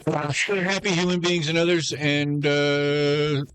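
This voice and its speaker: A man's voice: on the high side, level tone, unhurried, fairly bright tone, clear, resonant tone. A man narrating as game master in a wordy, mock-formal way.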